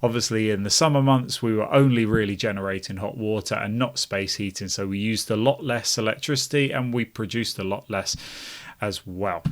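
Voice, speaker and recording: A man with a mid-range voice hosts his own home vlog. He opens in a teasing whispered role-play outdoors in the cold, then talks through numbers in an easy, conversational way. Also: mid-range voice. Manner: mock-dramatic, teasing, addresses the machine; conversational and technical. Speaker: homeowner channel host. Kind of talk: casual vlog narration. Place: outdoors by a house in winter.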